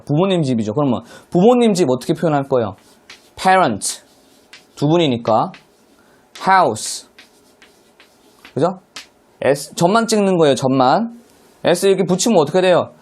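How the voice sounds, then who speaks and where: Brief: male English teacher, fairly high voice, online lecture, asks questions as he explains. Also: a little mellow.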